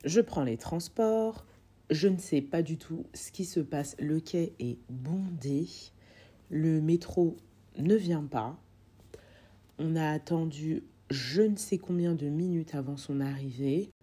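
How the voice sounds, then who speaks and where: Low, husky woman telling a story. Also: slow pace, mellow. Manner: chatty, many fillers and asides. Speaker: podcast host telling anecdotes. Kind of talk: casual voice-note storytelling.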